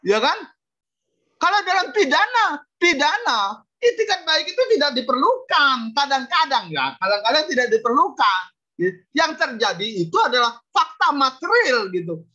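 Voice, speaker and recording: Woman lecturing law students, bright sharp voice, keeps checking in w the class, kinda muffled lo-fi recording. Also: high-pitched, sing-song, normal speed. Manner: peppers points with "gitu" and "oke?" checks; explains through everyday hypothetical cases. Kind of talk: university lecture. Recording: dull lo-fi recording.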